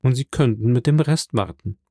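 A man voicing a gruff, loyal old sailor in an audiobook, speaking in a strained, pressed way. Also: mid-range voice, moderate pace, dark tone, no room sound, studio quality. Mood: pleading, loyal.

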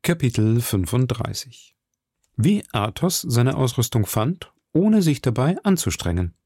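A man reading a novel aloud in a steady, expressive manner. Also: medium pitch, a little slow, slightly rough, dry recording, clean studio sound. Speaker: reader of a novel. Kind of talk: read-aloud literary narration.

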